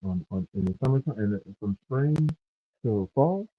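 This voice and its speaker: A man's voice: fairly low pitch, expressive, normal speed, husky. A man telling stories in a casual chat with laid-back street slang, his voice muffled as if heard through a wall and set back from the microphone. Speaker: speaker in an online audio chat room. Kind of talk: casual storytelling.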